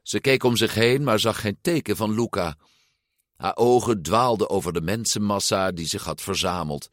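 Male storyteller, slow, expressive, lowish voice, dry close sound. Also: no room sound. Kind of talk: storybook read-aloud narration.

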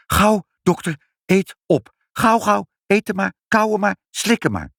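A man's voice: a little high, sing-song, moderate pace, a bit bright, dry recording, studio quality, pitched above the performer's own voice. A man reading aloud and voicing a practical, anxious mother who warns and urges. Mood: urgent. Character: practical, fretting mother in a storybook.

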